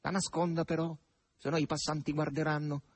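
A man voicing a gruff, sardonic male demon henchman in an audiobook reading, curt, impatient and mocking. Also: on the high side, flat delivery, a little fast, dry recording, pitched above the performer's own voice. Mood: commanding.

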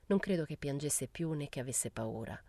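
A woman narrating a literary audiobook in a measured, unhurried way. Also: low voice, animated, dark tone, no room sound. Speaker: audiobook reader.

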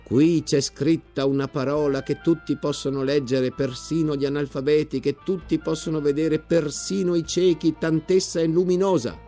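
A man's voice: high-pitched, sing-song, takes it slowly, soft background music, voice pushed up, full character voice. A man reading aloud voices a pompous older male army general who speaks in declamatory, rhetorical bursts. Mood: grandiloquent. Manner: declamatory, rising to a shout, rhetorical repetition.

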